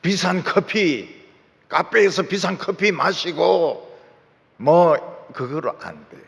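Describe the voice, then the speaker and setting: A high-voiced man delivers a fervent sermon as pastor, his gravelly tone swinging widely and breaking into shouts. His voice rings through a large church hall with a long reverb. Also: animated, slow. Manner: fervent preaching, shouting out lines.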